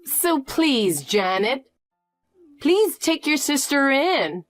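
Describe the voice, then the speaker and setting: A woman voicing a greedy, pushy middle-aged birth mother who talks in a demanding, shrill way. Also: very animated, slow, no echo, soft background music, heavily acted. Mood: pleading. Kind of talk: animated story voice.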